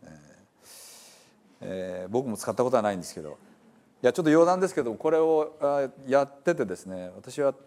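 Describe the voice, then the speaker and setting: A man's voice: medium pitch, sing-song, a little fast, pauses often, a little mellow. Earnest guy, hiroshima dialect, reading the bible with little asides. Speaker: Bible reader and commentator. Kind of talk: scripture reading with commentary.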